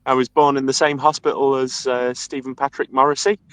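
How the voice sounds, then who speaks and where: Relaxed Mancunian man in his thirties. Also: mid-range voice, fairly quick, clean tone, no echo, poor audio. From England. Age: 30s. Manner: relaxed, chatty, laughs often. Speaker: guest musician. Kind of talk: casual chat. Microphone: video call.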